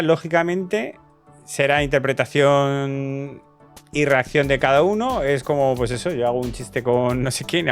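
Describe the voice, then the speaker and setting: A man hosting a news commentary show, talking with hesitant fillers and restarts. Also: mid-range voice. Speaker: host.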